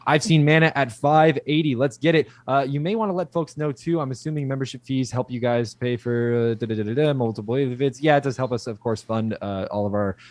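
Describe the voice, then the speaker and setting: A man's voice: medium pitch, fairly quick, hardly any pauses, no room sound. A man co-hosting a livestream as a slangy, hyped crypto bro, casually promoting and reading out viewer comments. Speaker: livestream co-host.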